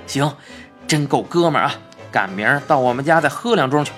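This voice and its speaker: A woman voicing a brash, rough-spoken father with a Beijing accent. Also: rumbling low, lively intonation, a little fast, faint music behind, voice pushed down. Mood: gruff. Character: gruff blustering Beijing father.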